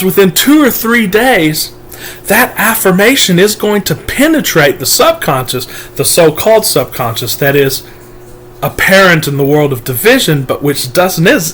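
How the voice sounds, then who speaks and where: A man's voice: fairly high pitch, fairly bright tone, a little hiss or hum. A man speaking as a manifestation coach, giving an emphatic, preachy motivational monologue to his viewers and often calling them "guys".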